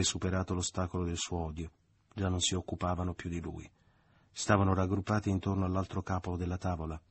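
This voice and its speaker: A man narrating a literary audiobook in a measured, deliberate reading. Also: low voice, breathy edge. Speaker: audiobook reader.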